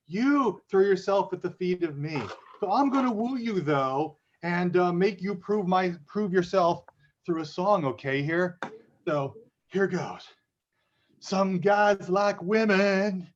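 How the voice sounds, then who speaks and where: A man playing a cocky rock star bachelor. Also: sits high. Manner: cocky, sing-song rhyming. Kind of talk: online improv comedy. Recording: lo-fi video call audio.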